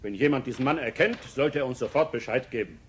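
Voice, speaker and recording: An actor playing an officious cartoon police chief making a formal announcement. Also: male voice, medium pitch, quick pace, lightly acted. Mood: official, grave. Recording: slightly noisy cassette dub.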